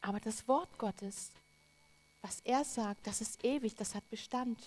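A woman preaching a sermon, earnest and emphatic, with drawn-out repetitions. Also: fairly high pitch, darkish tone, a little hiss or hum.

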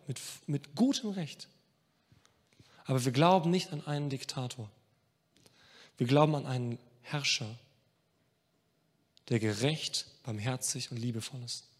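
A man preaching a sermon with passion, speaking straight to his listeners and moving between hushed and emphatic delivery. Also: medium pitch, normal speed, pauses often. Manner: addresses listeners directly. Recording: long reverb of a large hall.

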